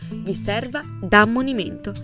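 A woman's voice: fairly high pitch, normal speed, pitched above the performer's own voice, lightly acted. A domineering wealthy widow who relishes scandal and lectures others, as a woman reader puts her on. Her tone is theatrical and commanding, with music behind. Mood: dramatic. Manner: authoritative, dramatic, moralizing. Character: bossy rich elderly widow.

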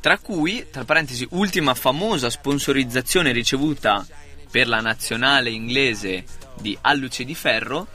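A man's voice: medium pitch, moderate pace, pushed and bright. A man hosting a jokey show, explaining an odd sport in mock-serious casual banter and often repeating his phrases. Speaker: comedy radio show host. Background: music under the talk.

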